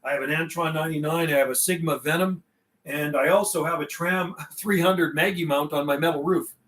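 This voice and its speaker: This Canadian man chats casually on live radio as a CB operator, making friendly, informal call-outs and repeating call signs and channel numbers. His voice sits on the high side, with a steady tone, a fairly bright quality, and a fairly quick pace.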